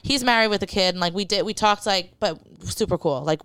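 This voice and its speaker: A woman's voice: medium pitch, fairly quick, fairly bright tone, clear, resonant tone, dry recording. A young woman as a podcast guest, telling a personal story in casual chat, rambling with lots of "like" and quoting herself.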